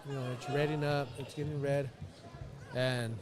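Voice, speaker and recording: A man's voice: mid-range voice, flat delivery, normal speed. A man giving live commentary on combat sports as a fight commentator. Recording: live event with crowd behind. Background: crowd noise.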